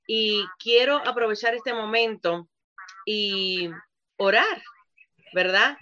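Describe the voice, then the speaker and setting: Woman pastor for a streamed ministry show: bright, forceful delivery over dull lo-fi audio. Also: mid-range voice, slow pace. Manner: fervent, keeps asking "¿verdad?". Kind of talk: live online ministry broadcast, prayer.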